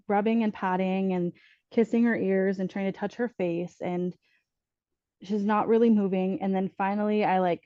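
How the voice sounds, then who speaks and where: A woman on a podcast sharing a personal story earnestly, pausing often with ums and restarting her sentences. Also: medium pitch, mellow, no room sound, highs cut off. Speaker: podcast guest telling her birth story.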